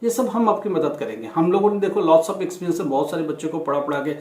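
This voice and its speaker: Male education host, high voice, earnest, echoey room. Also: lively intonation, a little fast. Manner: earnest, warning, reassuring. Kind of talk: casual talk to students.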